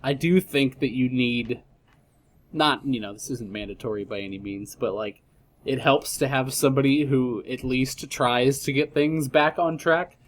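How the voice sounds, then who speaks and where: A man's voice: medium pitch, normal speed. A man chatting casually as a guest, explaining things in a laid-back, slangy, rambling way. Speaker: podcast guest, tabletop role-player. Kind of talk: casual chat.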